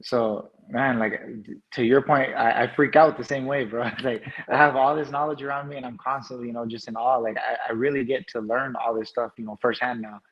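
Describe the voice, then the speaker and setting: A man's voice: mid-range voice, steady tone, a little fast, dull audio. A man from New Mexico with an American accent, chatting casually as an interview guest in laid-back, slangy phrasing. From New Mexico, United States.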